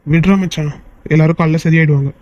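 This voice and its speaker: A man voicing a fast, high young peacemaker. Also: fairly even intonation, a little mellow, dry recording, dull audio, close to an everyday voice. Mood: pleading. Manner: pleading, reasoning. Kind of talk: Tamil cartoon voice acting.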